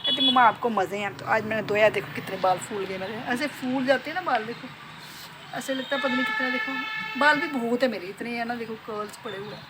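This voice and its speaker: A woman's voice: fairly high pitch, quick pace, very noisy. A middle-aged woman chatting playfully to her viewers in a casual home vlog. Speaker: vlogger.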